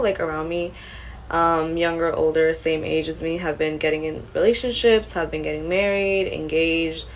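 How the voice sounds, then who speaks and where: Blunt lower-voiced woman in her late twenties. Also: a little hiss or hum, poor audio. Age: late 20s. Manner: blunt, frank, casual slang. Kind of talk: confessional vlog.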